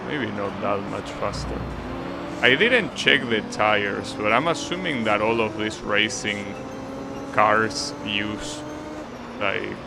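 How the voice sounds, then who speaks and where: This Argentine man's voice sits lowish and comes out slow and creaky against a noisy background. He's casually commenting on a racing game for his live-stream chat, sounding relaxed and thoughtful.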